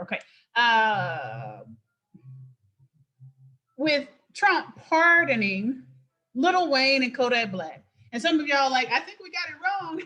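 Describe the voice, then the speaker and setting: A woman hosts an impassioned political talk in a high voice. She speaks emphatically and preaches, and she often breaks off into quick asides. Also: sharp tone. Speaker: host and political commentator.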